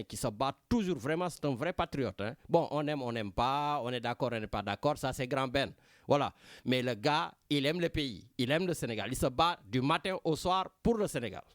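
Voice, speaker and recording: Animated Senegalese radio host, man. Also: on the high side, dry recording, clean studio sound. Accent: Senegalese French. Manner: animated, addresses co-host by name often. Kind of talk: talk radio commentary. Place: radio studio in Marseille. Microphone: studio microphone.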